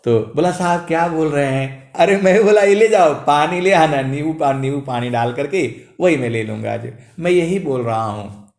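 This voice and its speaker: A man in his late fifties, a spiritual preacher telling anecdotes with a chuckle and chanting couplets in a long, drawn-out tune. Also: medium pitch. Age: late 50s. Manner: drawn-out sung recitation of couplets between anecdotes; chuckles while telling stories. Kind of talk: storytelling sermon with chanted verses. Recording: echoey room.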